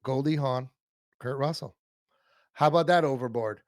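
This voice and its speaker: A man's voice: medium pitch, normal speed, no echo. A man co-hosting a casual fan podcast about an old TV show, rambling and self-interrupting, laughing often. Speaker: podcast co-host.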